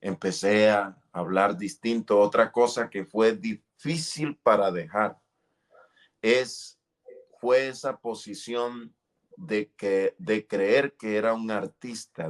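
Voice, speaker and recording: A middle-aged man giving an earnest, fervent testimony in an interview. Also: lowish voice. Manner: earnest, fervent, relives moments with cries and shouts. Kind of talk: emotional testimony.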